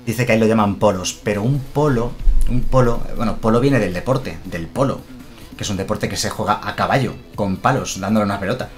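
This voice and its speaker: A man's voice: lowish voice, fast, soft background music. A man from chatting casually on a live stream, explaining things and answering viewers' comments.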